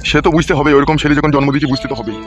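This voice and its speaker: A man voicing an angry, then rueful father in an adult comedy cartoon, with rough abusive scolding. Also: a little high, very fast, loud music behind the voice. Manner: rough shouted abuse, weary grumbling.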